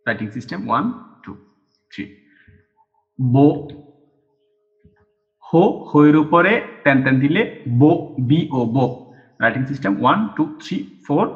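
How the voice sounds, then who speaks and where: A man teaches at an unhurried pace, spelling out each sound and counting the strokes one by one. His voice sits at an ordinary middle pitch. The recording sounds a little dull and lo-fi. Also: creaky. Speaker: Japanese language teacher. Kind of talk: slow step-by-step language lesson.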